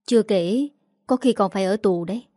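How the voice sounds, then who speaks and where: A woman voicing a calm, weary young man, an engineer and husband, in a read story. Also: medium pitch, a little fast, dry recording, studio quality, natural voice. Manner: calm, sighing.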